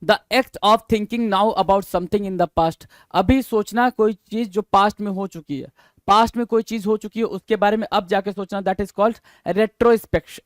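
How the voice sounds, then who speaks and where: A man teaching English vocabulary for exam prep. He reads each definition slowly in English, explains it in Hindi, quizzes the listener with repeated questions and spells the answers letter by letter. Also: high-pitched, no echo.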